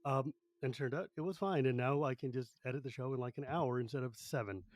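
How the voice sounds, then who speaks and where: A man's voice: medium pitch, fast talker, darkish tone, no echo, clean studio sound. A man hosting a podcast in a chatty, wry, casual style, often restarting his thoughts. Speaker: podcast host. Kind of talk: casual chat.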